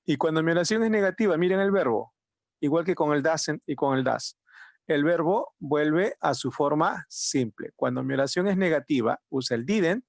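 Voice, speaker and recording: Patient male teacher, higher voice, dry sound. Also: moderate pace, dry recording. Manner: patient, repeats key points, asks rhetorical questions. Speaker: English teacher. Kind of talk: online class explanation. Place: home, online class.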